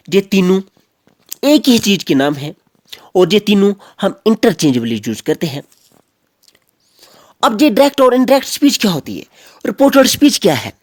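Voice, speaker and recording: Man, teacher, lively pitch, dry close recording, step-by-step explanation. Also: no room sound. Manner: explains step by step, repeating key phrases. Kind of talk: grammar lecture.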